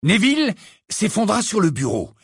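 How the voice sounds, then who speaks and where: Male audiobook narrator, expressive and dramatic, husky tone, lively pitch. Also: normal speed, no room sound, studio quality. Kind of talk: audiobook reading.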